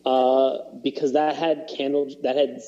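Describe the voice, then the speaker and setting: A man's voice: mid-range voice, flat delivery, unhurried, lo-fi sound, a crowd in the background. A man on a podcast chatting casually, rambling with many fillers and restarts and laughing as he retells scenes. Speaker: podcast co-host. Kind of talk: casual chat.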